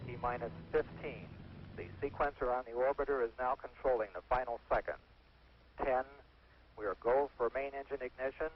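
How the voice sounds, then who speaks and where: A man's voice: medium pitch, steady tone, normal speed. A man giving a clipped, procedural launch countdown, his announcement sounding like space radio breaking up. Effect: radio transmission. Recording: noisy, muffled space-program radio feed.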